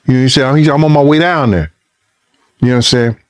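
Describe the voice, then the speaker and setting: A man, a former bodyguard, telling a story in a casual interview, cursing freely and acting out what people said, his voice rising high and loud in the tense parts. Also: fast, smooth. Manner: profane, re-enacts dialogue, voice climbs high and loud when excited. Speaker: former bodyguard recounting events.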